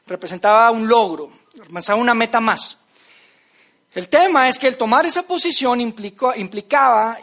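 A man's voice: very high-pitched, a bit bright. Earnest man preaching a sermon. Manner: earnest storytelling, addresses audience directly.

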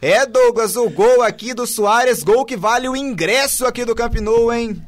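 A man with a Brazilian Portuguese accent calling live football with explosive goal commentary, shouting and stretching out his words. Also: very high-pitched, a little slow.

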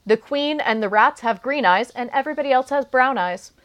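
A woman's voice: high-pitched, a little fast, a bit bright. A woman co-hosting a podcast, chatting casually and laughing now and then as she talks. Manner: chatty, laughs while talking. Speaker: podcast co-host.

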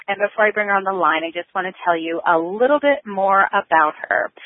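An American woman hosts a podcast interview in a chatty, friendly style. Her pitch sits mid-range for a woman, and the sound is dry, with hardly any room around it. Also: no echo, narrow, tinny audio. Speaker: podcast host.

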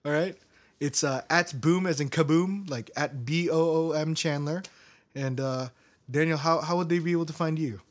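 Speaking at normal speed in a slightly high voice, a man co-hosts a casual chat podcast, rambling along and laughing often between words. The recording is from a cheap makeshift mic.

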